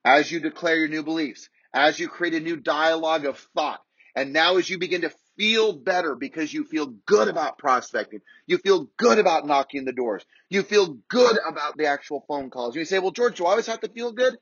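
A man's voice: on the high side, moderate pace, fairly bright tone, slightly rough, dry recording, lo-fi sound. A man coaching real estate agents in an emphatic, repetitive motivational talk.

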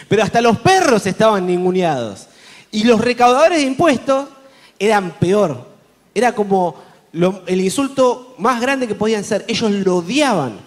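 A man with a Rioplatense Spanish accent preaching a conference sermon, telling Bible stories with lively rhetorical questions to the audience. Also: extremely high pitch. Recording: long hall reverb.

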